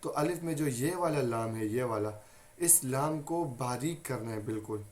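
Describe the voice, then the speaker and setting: A man's voice: medium pitch, normal speed, a little mellow. A man with a Pakistani Urdu accent teaching a Quran recitation lesson, patiently repeating each point and saying letters aloud as examples.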